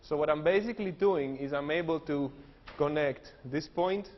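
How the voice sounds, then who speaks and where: A Greek-accented engineering professor from Greece gives a technical lecture at a normal pace, his voice somewhat high. He opens with jokes, then explains step by step with plenty of fillers. The lecture hall recording is dull and lo-fi, with long reverb.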